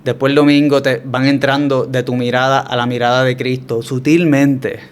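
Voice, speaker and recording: A man with a Puerto Rican Spanish accent, telling his story as a guest in a relaxed, reflective way with frequent restarts. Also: mid-range voice, normal speed, a little hiss or hum. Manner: reflective, hesitant with many restarts. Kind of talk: conversational testimony.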